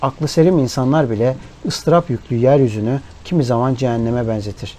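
A man's voice: medium pitch, a little mellow, a little hiss or hum. Man narrating over rain and thunder. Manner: measured, somber storytelling. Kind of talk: scripted audiobook narration. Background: rain and thunderstorm ambience.

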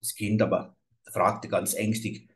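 A man reading an old fairy tale aloud in a measured, atmospheric way. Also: fairly low pitch, little pitch movement. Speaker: storyteller.

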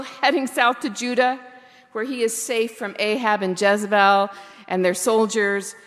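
A woman pastor preaching a sermon in a reflective, candid way, slowing down for emphasis. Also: fairly high pitch, a bit bright, big-room sound. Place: church.

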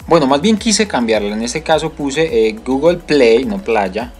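A man's voice: mid-range voice, animated, measured pace, soft background music. A man with a Colombian Spanish accent explaining a screen-recorded tutorial step by step, with many fillers and restarts. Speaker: tutorial host.

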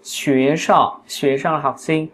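A man's voice: fairly high pitch, fairly even intonation, takes it slowly, a bit bright, slight background noise. A male Chinese teacher giving a patient, repetitive lesson and often checking in with "hả?". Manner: patient, repeats words, frequent "hả?" checks. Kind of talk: classroom lesson.

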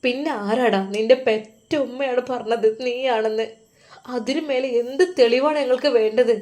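A woman's voice: fairly high pitch, fairly even intonation, normal speed, darkish tone, natural voice. A woman voicing an angry older brother who presses bitter, accusing questions, with a Malappuram Malayalam accent.

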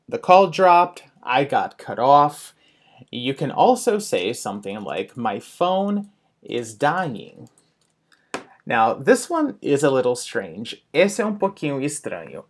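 A man teaching an English phrase lesson, saying each phrase and then repeating and translating it. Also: medium pitch. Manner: repeats each phrase slowly in two languages; stresses intonation of example phrases. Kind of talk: bilingual language lesson.

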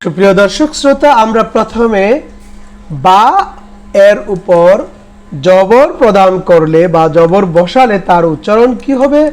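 A man's voice: high voice, animated, darkish tone, poor audio. A middle-aged man teaching Quran reading, spelling out letter sounds in repeated drills and drawing out the recited words. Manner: draws out the recited words very slowly. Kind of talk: slow drilled letter lesson with chanted recitation.

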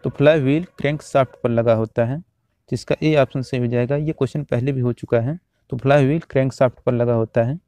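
A man teaching, reading out quiz questions and their options one by one, then repeating each answer in a steady drill. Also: medium pitch, fairly quick, no echo. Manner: steady, repetitive exam-drill delivery.

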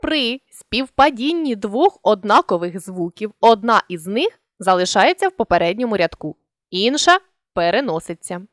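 A woman's voice: medium pitch, sing-song, no room sound, studio quality. A woman teacher giving a children's language lesson, sounding out words syllable by syllable. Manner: slow, syllable-by-syllable dictation.

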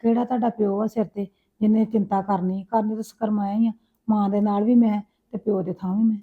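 A woman's voice: mid-range voice, little pitch movement, a little fast, lightly acted. A middle-aged woman playing a worried widowed mother who soothes her grown daughters. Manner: soothing, fretful. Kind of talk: web drama acting. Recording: tinny phone-like sound.

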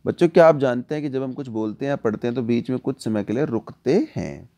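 A man teaching a class of children, walking them through the exercise step by step. His voice is dark and gravelly, and he often stops to ask the kids questions. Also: medium pitch, expressive. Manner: explains slowly, often asks the class questions. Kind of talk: online worksheet lesson for children.

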